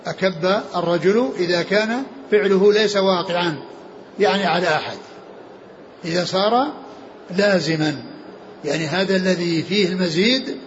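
A man teaching a classical text in a lecture, pausing often and repeating words as he explains. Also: high voice, muffled recording, slight background noise. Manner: halting, many repeated words and restarts. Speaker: hadith teacher.

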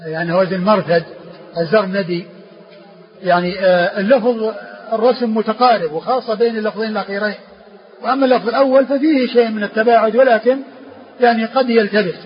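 A man teaching a classical text, slowly repeating words and spelling out letters as he explains. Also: high voice, steady tone. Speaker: teacher of hadith sciences. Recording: dull lo-fi recording with faint hiss.

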